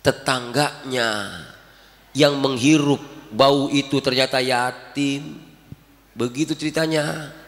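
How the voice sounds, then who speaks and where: A man preaching a storytelling sermon on the Quran in a mosque, speaking animatedly with sudden loud exclamations and questions to the congregation. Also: medium pitch, steady tone, slow pace, pauses often, in a large hall. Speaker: preacher teaching Quran exegesis.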